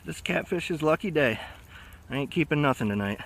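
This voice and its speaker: A shore-fishing vlogger on a riverbank talks with a little high, expressive, slightly bright voice at a somewhat fast pace. He chats excitedly in slangy exclamations to himself and a companion, recorded on an action camera worn on his body, with clear background noise outdoors.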